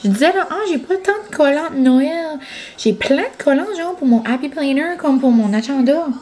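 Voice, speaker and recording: A woman with a Quebec French accent chatting casually at home for her vlog, excitable and dropping English words into her talk. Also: sits high, moderate pace, rough recording. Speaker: vlogger. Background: background music.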